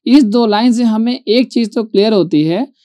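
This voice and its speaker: A man teaches a poetry lesson in a mellow, warm voice. He stretches out each quoted verse line slowly and keeps pausing to ask his students whether it is clear. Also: sits high. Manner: keeps asking if students follow, reads verse lines slowly. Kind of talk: online poetry lecture.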